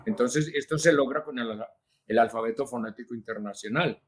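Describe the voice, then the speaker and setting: A man, a linguist answering interview questions in a measured, teacherly way, with frequent hesitations. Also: medium pitch, slight background noise. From Colombia. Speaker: linguist and journalist, interview guest.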